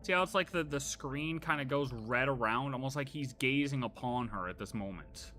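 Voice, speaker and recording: A game streamer offers casual live commentary on his playthrough, thinking out loud in a rambling, speculative way and repeating half-phrases. His voice is mid-range at a moderate pace, with slight background noise.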